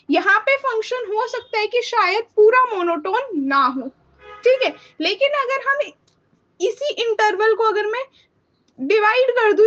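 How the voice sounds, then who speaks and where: A woman explains a math lecture step by step, pausing to check that students follow. Her voice sits very high, and the recording sounds dull and lo-fi. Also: a bit bright. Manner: explains step by step, often checking with a questioning "theek hai?". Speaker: math tutor. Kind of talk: chalkboard-style math lecture.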